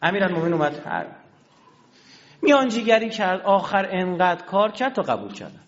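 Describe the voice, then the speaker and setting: Animated male lecturer, lively rising voice. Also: high voice, dull audio. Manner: animated storyteller who acts out quoted dialogue. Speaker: religious lecturer. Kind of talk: religious history lecture in colloquial storytelling.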